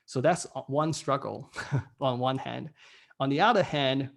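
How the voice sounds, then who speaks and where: A man's voice: medium pitch, measured pace, vocal fry. A man in his thirties from Hong Kong, giving a casual online workshop talk from home, laughing often at his own jokes. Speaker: workshop speaker. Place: home room.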